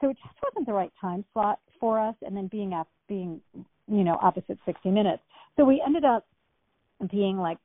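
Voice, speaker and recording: A woman guesting as an actress in a casual interview chats and rambles with many fillers and restarts. Her medium-pitched voice is animated at normal speed, with no room sound, over a tinny phone-like line.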